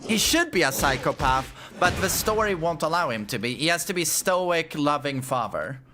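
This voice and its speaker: A man's voice: a little high, animated, moderate pace, bright, forceful tone, a little hiss or hum. A man streaming a game and giving profane, sarcastic running commentary. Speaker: gaming streamer. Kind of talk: casual gaming commentary. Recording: game music playing behind. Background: game music.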